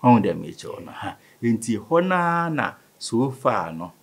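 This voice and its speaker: This time his voice sits in the mid range, sing-song and creaky, delivered at a measured pace. He's a man in his thirties with a Ghanaian West African accent, a guest in a sports interview who talks conversationally in Twi and English. The recording happens in a small indoor studio with a studio microphone on a table stand.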